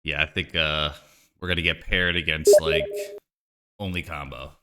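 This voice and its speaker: A very deep-voiced man from the United States chatting easily on a game stream, his tone bright and forceful despite the low pitch. He talks in a laid-back way, full of fillers. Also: steady tone, normal speed. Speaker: streamer co-host. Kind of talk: casual chat while gaming.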